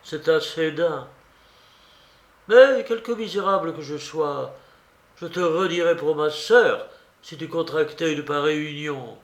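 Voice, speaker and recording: Feverish young man, loud and insistent, roomy echo, a male narrator doing the voice. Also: fairly high pitch, a little slow. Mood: commanding. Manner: urgent and commanding. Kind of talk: audiobook character reading. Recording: roomy recording.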